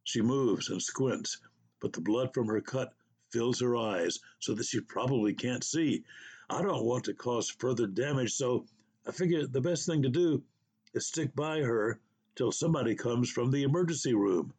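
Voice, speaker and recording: A man narrating a personal true story in a slow, unhurried and reflective way. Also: mid-range voice, a little mellow, breathy edge.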